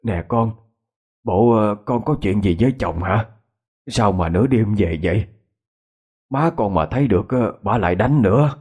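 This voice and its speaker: Narrator voices an older father, gentle and worried; low, husky and halting. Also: lively intonation. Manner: hesitant, coaxing, stammering.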